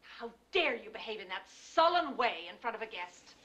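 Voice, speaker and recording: A woman's voice: mid-range voice, sing-song, moderate pace, pushed and bright, dull audio. An actress playing a volatile middle-aged mother in a screen drama, emphatic and cutting. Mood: indignant scolding. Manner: theatrical, emphatic. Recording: roomy, clearly echoing, faint background noise.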